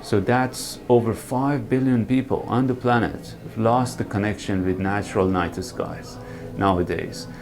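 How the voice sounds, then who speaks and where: An Iranian man in his forties, a night sky photographer, speaks in a low, unhurried voice over music. His documentary interview monologue is calm, earnest and reflective, marked by small hesitations.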